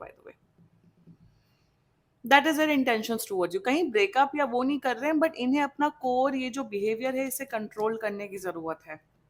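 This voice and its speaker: Tarot reader, woman, high-ish voice, conversational and animated. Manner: chatty, animated, mixing Hindi and English, frequent restarts. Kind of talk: casual tarot reading in Hindi-English mix.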